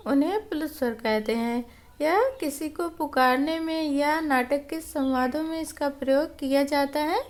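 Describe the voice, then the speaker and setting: A woman with a high, light voice, teaching a class. She explains patiently, restating each point in simpler words and walking through examples one by one.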